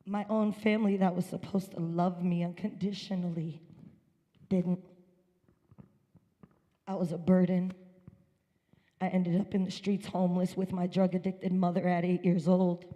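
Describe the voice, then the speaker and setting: A woman's voice: lowish voice, flat delivery, moderate pace, long pauses, warm tone, long reverb tail. A woman from upstate New York giving an earnest, emphatic personal testimony at a church service. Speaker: guest speaker at a church service. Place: church sanctuary.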